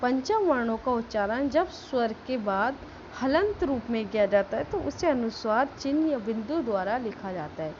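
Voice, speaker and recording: A woman school teacher explaining a grammar lesson step by step, stressing example words slowly and checking that students follow. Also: on the high side, expressive, muffled recording, noisy background. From India.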